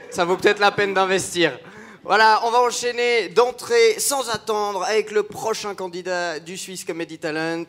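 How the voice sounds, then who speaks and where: A man's voice: high-pitched, fairly bright tone. A man hosting a comedy contest, introducing acts with light banter. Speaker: show host.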